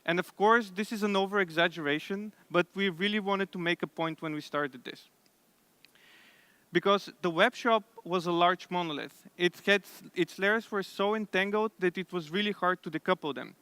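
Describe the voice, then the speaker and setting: A young man from Bulgaria, giving a conference tech talk from the stage in a steady way, now and then correcting himself. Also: high-pitched, moderate pace, smooth, dry recording. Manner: steady presenter, occasional self-corrections. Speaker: conference speaker.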